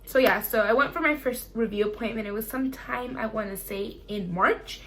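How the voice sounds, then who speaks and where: A young woman speaks in a fairly high voice, chatting casually as a vlogger. She talks to viewers like friends, recounting personal experiences in an animated, conversational way. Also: brisk. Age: young adult. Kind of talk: casual chat to camera, personal Q&A.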